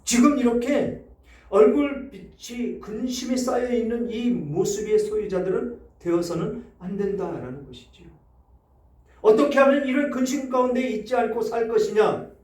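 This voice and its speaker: A man preaching as pastor, emphatic, his loudness rising and dropping sharply. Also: extremely high pitch, expressive, moderate pace. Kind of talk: sermon. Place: church sanctuary. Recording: echoey church hall, mic set far off.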